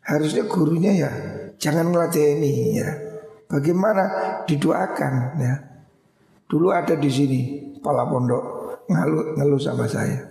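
Middle-aged East Javanese cleric, gravelly, folksy, joking; kitab study sermon in a reverberant hall. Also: male voice, fairly high pitch, moderate pace, pauses often, mellow. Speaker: Islamic cleric teaching a hadith book. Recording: echoey hall recording.

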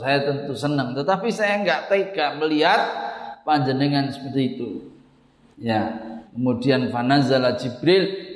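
A man with a Javanese accent teaching a religious text study, explaining terms aloud and mixing recited Arabic with casual local asides. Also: medium pitch. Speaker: Islamic kitab teacher. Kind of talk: religious kitab study lesson. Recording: echoey hall with long reverb.

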